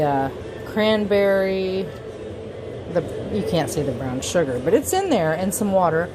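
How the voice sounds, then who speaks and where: A home cook vlogger who is drunk and giggly talks casually through her kitchen cooking video, rambling, poking fun at herself and cursing freely. Her voice is medium-pitched, and TV music plays in the noisy background.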